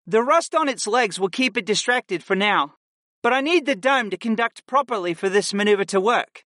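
A man's voice: high voice, animated, normal speed, bright, forceful tone, no echo, clean studio sound, pitched above the performer's own voice. A man voicing a clever, eager young female summoner in an audiobook. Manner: eager and scheming. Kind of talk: audiobook character voice.

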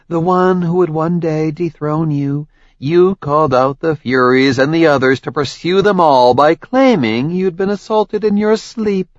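A man's voice: on the high side, dry recording, voice pushed up. A man voicing a proud, scheming goddess queen who needles her husband relentlessly, in an audiobook with a slightly dull, dry recording. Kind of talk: audiobook character voice.

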